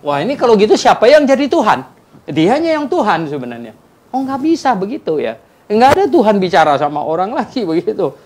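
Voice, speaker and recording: A man speaking as a pastor and guest on a church talk show, animated and acting out quoted dialogue, with frequent tag words. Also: high voice, a little fast.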